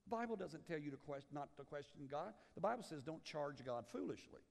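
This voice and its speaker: A man from Liberia preaching a sermon as pastor, swinging from loud urgency down to hushed, low lines. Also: lively intonation, fairly quick, creaky. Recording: long hall reverb.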